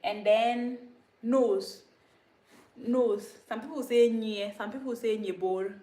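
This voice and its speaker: A woman, a Dagaare speaker, casually teaching vocabulary on a livestream, repeating words slowly and laughing at herself often. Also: fairly high pitch, steady tone, mellow, reverberant. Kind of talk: casual spoken language lesson.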